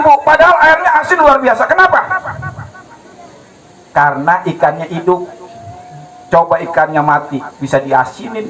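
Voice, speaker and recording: A man preaching a humorous, animated sermon to a gathering, acting out dialogues and asking the audience questions. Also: very high-pitched, low-quality recording. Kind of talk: lively religious sermon. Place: gathering hall with live audience.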